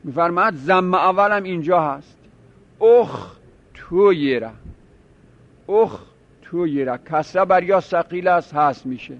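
A man with a high-sitting, slightly bright voice gives a seminary-style grammar lesson, explaining step by step and repeating word forms as drills. The recording is dull and lo-fi.

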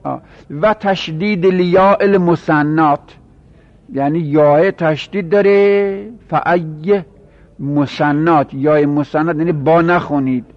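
A man's voice: fairly high pitch, fairly even intonation. Man teaching a grammar class, lo-fi. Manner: reads verse lines slowly, explains quickly, quizzes students. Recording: dull lo-fi recording.

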